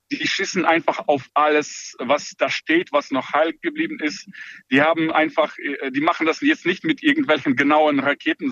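A man's voice: on the high side, creaky, fairly bright tone, dry recording, dull audio. A man running a farm, speaking German in an interview with many hesitations and restarts. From Ukraine.

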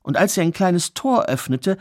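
A male storyteller recounts a fairy tale in a measured, expressive voice. He paces the story with pauses for effect and lets his voice rise on the dramatic turns. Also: sits high.

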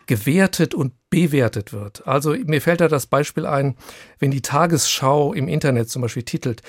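This radio programme's co-host, a man from Germany, handles scripted narration and interview questions in a feature. He speaks at medium pitch in a clean, echo-free studio recording.

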